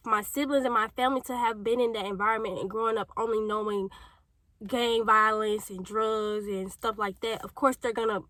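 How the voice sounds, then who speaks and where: Here a young woman from St. Louis, Missouri, tells her own story to the camera, wandering off on tangents and leaning on fillers, with a St. Louis accent and a slight cold. Her slightly high voice comes across pushed and bright. There's no echo, but the audio quality is poor.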